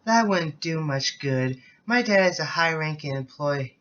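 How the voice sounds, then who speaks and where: A man slowly reading the lines of a wary young female student, halting over words. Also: fairly high pitch, animated, a bit bright. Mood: worried. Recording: dull lo-fi recording.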